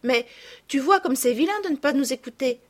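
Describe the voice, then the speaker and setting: Storybook role: a woman playing an earnest young girl, high and bright, gentle but firm. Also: expressive, fairly quick. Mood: gently firm. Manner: earnest, hesitant when embarrassed.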